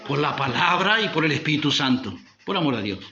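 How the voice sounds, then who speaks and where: A man's voice: on the high side, animated, a little fast, bright, forceful tone, echoey room, lo-fi sound, a little hiss or hum. A man preaching a sermon as pastor, driving points home with rhetorical questions. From Uruguay.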